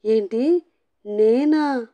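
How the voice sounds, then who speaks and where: A woman's voice: mid-range voice, normal speed, muffled recording, close to an everyday voice. A woman voicing an exasperated young husband who snaps and teases sarcastically. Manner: teasing, yelling.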